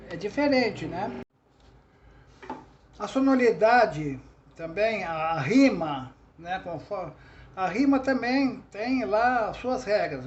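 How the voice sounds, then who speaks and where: A man from Brazil giving an informal lesson on writing verse, slowly and patiently counting out syllables. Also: sits high, lo-fi sound. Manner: slow, patient, spells out syllables. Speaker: poetry teacher.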